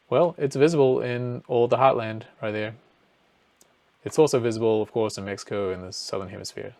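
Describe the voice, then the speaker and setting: This is a presenter from New Zealand explaining astronomy over a shared screen. He has a fairly low, darkish voice on a dry recording, and his delivery is relaxed and explanatory, full of fillers as he thinks out loud.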